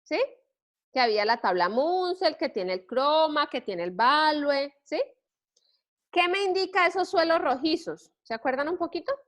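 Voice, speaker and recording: High-voiced woman lecturing, constant "¿sí?" checks. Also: animated, normal speed, fairly bright tone. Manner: explanatory, asks students many rhetorical questions; frequent "¿sí?" checks and restarts. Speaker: university soil science lecturer. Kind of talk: online lecture to students.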